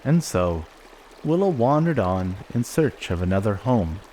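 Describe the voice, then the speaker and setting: A man gently reading a children's storybook aloud in an expressive way. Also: on the low side, unhurried, slight background noise. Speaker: narrator.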